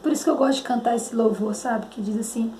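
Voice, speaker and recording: A woman's voice: on the high side, fairly even intonation, quick pace, mellow. A Brazilian woman giving a personal religious testimony, hesitant and searching for words. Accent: Brazilian Portuguese. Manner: hesitant, searching for words, sings hymn lines. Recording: echoey room with faint noise.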